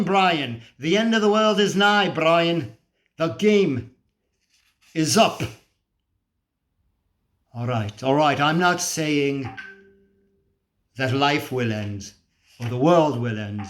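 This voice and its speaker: In a bleak mood, a man plays a scornful, feverish and cynical apocalyptic drifter in a dramatic monologue. He rants preachily and emphatically, swearing and asking rhetorical questions, in a voice that sits high with a fairly bright tone.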